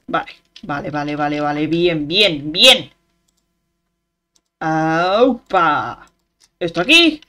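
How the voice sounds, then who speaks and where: A streamer, giving casual gameplay commentary and talking to themselves, with sudden excited outbursts. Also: mid-range voice. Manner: chatty self-talk with sudden excited outbursts.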